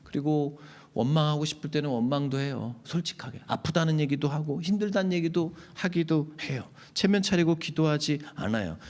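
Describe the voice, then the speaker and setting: Middle-aged male pastor, hushed-to-emphatic sermon. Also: on the high side, normal speed. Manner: swings between hushed, near-whispered asides and raised, emphatic peaks; conversational and direct, addressing the congregation often. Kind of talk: Sunday sermon.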